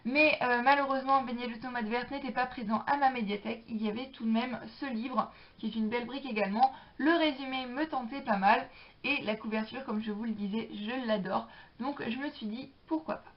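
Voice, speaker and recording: A young woman talks casually about her latest library books in a fairly high voice. She hesitates often, fills gaps with little fillers, and keeps going in a friendly chatty flow. The recording sounds dull and lo-fi. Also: fairly quick. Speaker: book vlogger. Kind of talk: casual book haul chat.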